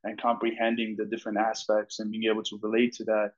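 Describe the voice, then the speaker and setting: A man's voice: lowish voice, completely flat delivery, fast talker, highs cut off. A man, a medical student, answering an interview question earnestly.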